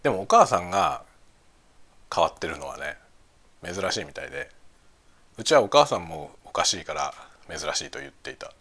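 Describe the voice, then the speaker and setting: A man's voice: sits low, big pitch swings, normal speed, long pauses, a bit bright. A middle-aged man chatting casually while eating, musing aloud in short phrases that trail off. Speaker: host of a lunchtime chat.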